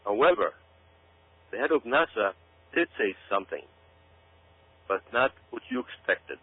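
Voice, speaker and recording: A guest commentator, male, speaks to listeners in an emphatic, dramatic monologue, repeating himself for effect. His voice is on the low side and husky, with big pitch swings and a slightly slow pace, and there's no echo. The audio sounds tinny and phone-like, as if over radio, with a hum underneath.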